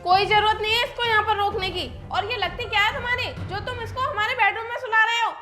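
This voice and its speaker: A woman's voice: very high-pitched, brisk, music in the background. An actress playing a wronged wife who confronts her cheating husband, firm and pleading in a short film drama. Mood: indignant. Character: wronged village wife, defiant.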